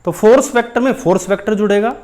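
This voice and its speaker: A man's voice: high-pitched, quick pace, a little mellow. A man teaching a physics lesson, explaining step by step while drawing and calling his students dear children. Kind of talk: whiteboard lesson.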